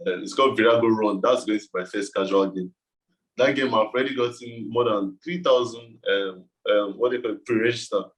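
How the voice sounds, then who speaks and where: Low-voiced West African man. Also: brisk, poor audio. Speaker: game developer being interviewed. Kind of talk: casual interview talk.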